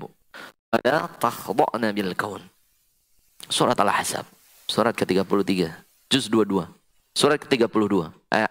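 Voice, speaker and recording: A man preaching a mosque sermon to women, reciting Quranic verses slowly and explaining with sudden high emphatic calls, with an Indonesian accent. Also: a bit bright. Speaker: Islamic preacher.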